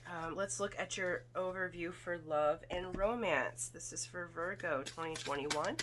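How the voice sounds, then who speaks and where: A woman giving a spiritual card reading in casual, halting talk, her throat slightly foggy and congested from irritation. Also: lowish voice, background noise. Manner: halting, thoughtful, often checks with "okay?". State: throat irritated by volcanic fog, occasional coughing and throat clearing. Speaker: tarot and oracle card reader.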